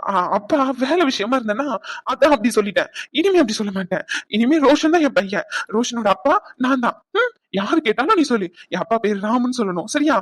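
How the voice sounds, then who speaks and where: A woman's voice: on the high side, lively intonation, dry recording, clean studio sound. A woman voicing a young father in a cartoon, soothing his son and teasing his mother. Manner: quick, soothing, playful. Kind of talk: cartoon voice acting.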